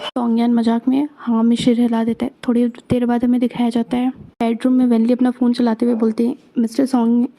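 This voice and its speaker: Flat, dark-toned woman recapping a story. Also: on the high side, rough recording. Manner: summarizes scenes and reads dialogue lines flatly. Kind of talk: casual story retelling.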